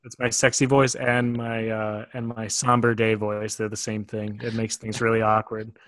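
A man's voice: fairly low pitch, completely flat delivery, moderate pace, noisy background. A man from Wisconsin co-hosting a podcast in a chatty, rambling way, laughing easily. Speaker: podcast co-host. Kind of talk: casual chat.

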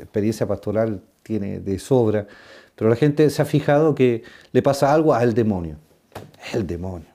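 Mellow-voiced priest chatting on a podcast. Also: male voice, mid-range voice. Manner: halting, frequent restarts, animated when telling stories. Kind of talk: casual podcast conversation.

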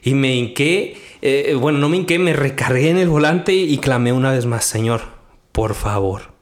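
A man, hosting a devotional podcast and telling a personal faith story in a lively conversational way. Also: mid-range voice, moderate pace. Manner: animated storytelling, quotes his own prayers. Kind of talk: conversational testimony.

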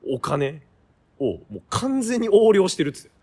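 A man with a Kansai accent, co-hosting a podcast and telling stories in a loose, animated way. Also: sits high, moderate pace. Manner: animated storytelling with laughs. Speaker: podcast co-host. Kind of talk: casual chat.

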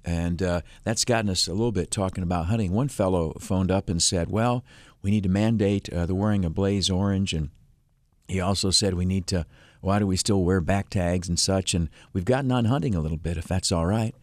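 Male talk host, deep dry voice, conversational with a folksy, halting delivery. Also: no room sound. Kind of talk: unhurried conversational talk radio.

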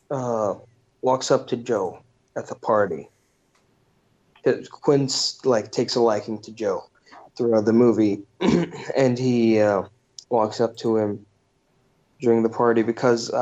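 A man's voice: mid-range voice, darkish tone. A man hosting a podcast, casually retelling a movie plot in a rambling way with lots of fillers. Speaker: podcast host. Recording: dull lo-fi podcast recording.

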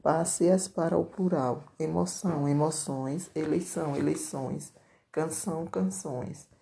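A teacher, slowly reading out workbook corrections and dictating answers word by word. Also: medium pitch, fairly even intonation, creaky, mellow.

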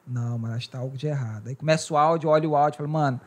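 Young male Brazilian podcast co-host, rapid, slightly high-pitched, sweary street slang, informal. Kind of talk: casual chat.

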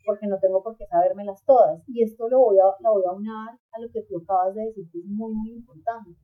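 A woman's voice: medium pitch, fairly even intonation, quick pace. A woman, a podcast guest, giving earnest, reflective advice in a conversational way and acting out quoted examples. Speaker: podcast guest, migrant coach. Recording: tinny phone-like line.

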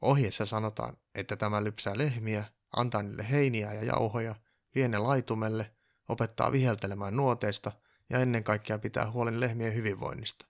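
A man voicing a loud, pompous elf who tinkers with gadgets and talks with overconfidence. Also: lowish voice, fairly even intonation, vocal fry. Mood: self-assured. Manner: loud, self-assured, pompous.

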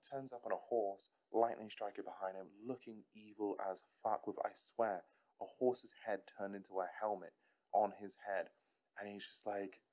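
Solo podcast host, male, lower register, chatty and excitable, casual swearing. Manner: enthusiastic, rambling, chuckling.

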